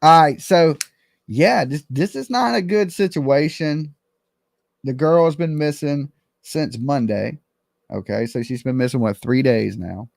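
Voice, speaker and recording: A man's voice: on the high side, unhurried, creaky, a little mellow, no room sound. A middle-aged man hosting a call-in show, giving casual commentary in plain, colloquial speech. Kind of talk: casual live commentary and chat.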